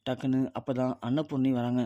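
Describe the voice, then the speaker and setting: A man's voice: mid-range voice, little pitch movement, a little fast, mellow, dry recording, lo-fi sound. A man casually retelling and predicting a television serial's plot as a review host. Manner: chatty storyteller.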